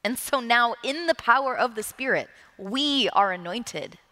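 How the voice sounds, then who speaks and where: A woman's voice: on the high side, expressive, a little slow, pushed and bright. A woman preaching a sermon, earnest, repeating key phrases for emphasis. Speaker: pastor. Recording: long reverb of a large hall.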